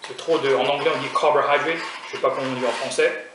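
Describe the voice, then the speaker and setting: Racing along with fairly even intonation, a young man raised in France speaks in a medium-pitched voice for his food vlog, chatting casually but hesitantly with many fillers and restarts and self-mocking humor. His voice sounds far from the mic, off mic in an echoey room, with faint noise.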